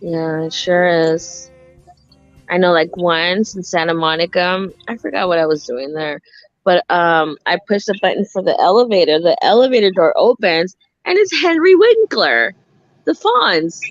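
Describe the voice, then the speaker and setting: A woman's voice: lowish voice, animated, moderate pace, dry recording, soft background music. Casual storyteller, woman in her forties, slightly muffled dry recording. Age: 40s. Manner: laughs often, tells stories with lots of "I'm like". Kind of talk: casual chat.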